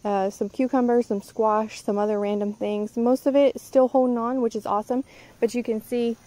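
A woman's voice: fairly high pitch, flat delivery, moderate pace, dark tone, poor audio. A woman giving a casual, rambling tour of her garden outdoors, filming on a handheld phone. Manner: chatty, rambling, with frequent ums. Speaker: gardening vlogger. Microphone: handheld phone camera.

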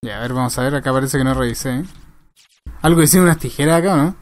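A man with a Chilean accent giving crude, excitable let's play commentary, swearing constantly as he plays a game. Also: mid-range voice, fast. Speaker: gamer.

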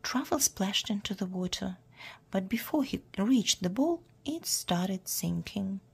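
A woman reading a children's storybook aloud in a hushed, half-whispered way. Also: medium pitch, animated, a little slow, creaky, breathy edge. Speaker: storyteller for English learners.

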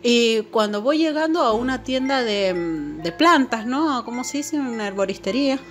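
Over faint background music, a woman with a slightly high voice tells her viewers about a paranormal experience of her own, speaking at an ordinary pace. Her delivery is casual and filler-heavy, sprinkled with little "¿no?" tags.

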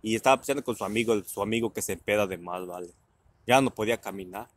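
Husky, laughing Mexican man telling stories. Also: lowish voice, quick pace, dry recording. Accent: Mexican Spanish. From Guerrero, Mexico. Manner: laughing often, crude slang, acts out voices. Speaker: vlogger telling family anecdotes. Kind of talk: casual storytelling.

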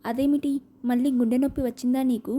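A woman voicing a spirited, proud young woman in a storybook reading, speaking in sharp, emotional bursts. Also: high-pitched, fairly even intonation, fast talker, slight background noise, natural voice. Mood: worried.

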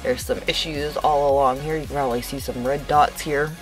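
Low-voiced woman talking through a sheet mask. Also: steady tone, fairly quick, rough recording. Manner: chatty, rambling, with fillers. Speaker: beauty vlogger. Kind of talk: casual product review. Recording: faint music behind.

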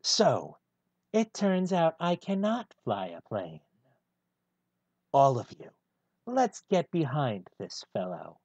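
A man voicing a gruff, brooding male hedgehog antihero in a one-take fan reading of a film script, deadpan and husky. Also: fairly high pitch, takes it slowly, pauses often, dry recording, lo-fi sound, heavily acted.

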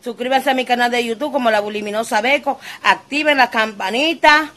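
Woman, comedic vlog monologue, theatrical and boastful, high-pitched, bright tone. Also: a little fast. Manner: theatrical, sassy, swings between shrieks and mock prayer. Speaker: vlogger.

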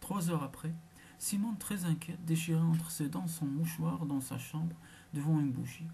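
A woman narrating a classic literary short story in a hushed, half-whispered manner. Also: deep voice, moderate pace, creaky, slight background noise. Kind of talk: literary audiobook reading.

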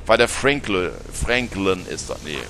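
Against a noisy background, a German man plays a game with expressive, unhurried commentary in northern colloquial speech. He banters and teases, talks back at the characters, and breaks into high-pitched laughter.

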